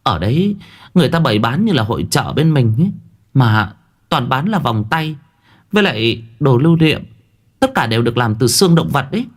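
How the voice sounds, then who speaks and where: A man voicing an anxious young woman who talks in a rapid, fretful way. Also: high-pitched, very animated, voice pushed up. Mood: anxious, eager.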